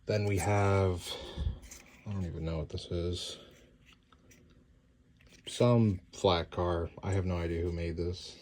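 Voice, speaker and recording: A man casually narrating an unboxing, relaxed and halting with many fillers, his voice a little worn. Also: low-pitched. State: slightly losing his voice. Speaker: model train hobbyist. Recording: loud background noise and crinkling.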